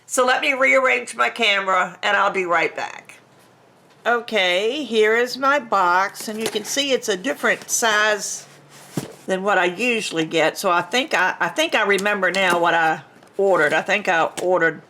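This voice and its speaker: A little hiss or hum sits under this medium-pitched, sharp-toned voice of an older woman with a stuffy nose. Speaking at normal speed on her camera mic at home, the vlogger chats and rambles through opening a craft subscription box, with restarts and small laughs.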